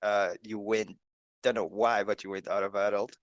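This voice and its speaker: A man's voice: on the low side, flat delivery, moderate pace, no room sound, highs cut off. A man hosting a casual video call, reading through lists with lots of "uh" and "um" fillers. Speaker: host.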